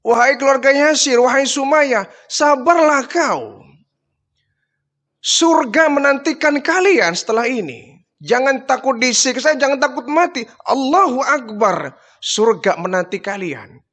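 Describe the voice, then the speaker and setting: A man voicing a revered male prophet who calls out slow, raised encouragement from a distance, within a storytelling sermon. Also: very high voice, expressive, pitched above the performer's own voice, heavily acted. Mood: encouraging. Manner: shouted, drawn-out encouragement.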